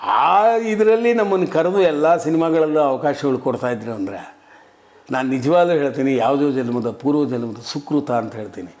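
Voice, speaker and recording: A man's voice: mid-range voice, moderate pace, darkish tone. A man in his sixties, an interview guest and comic actor, telling his story in an earnest, reflective way. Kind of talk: casual interview talk.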